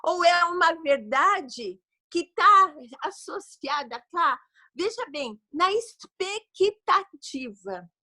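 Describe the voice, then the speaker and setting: A Brazilian Portuguese-accented woman giving advice as a guest expert over a video call, lively and speaking straight to her audience. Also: very high-pitched, slow. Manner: lively, addresses the audience directly and often. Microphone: video call microphone.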